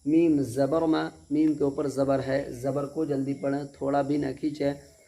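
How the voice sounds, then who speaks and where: A man with a mid-range, level, gravelly yet mellow voice gives a step-by-step Quran reading lesson. He's patient and repeats each point, regularly checking for understanding and drawing out syllables slowly when showing pronunciation.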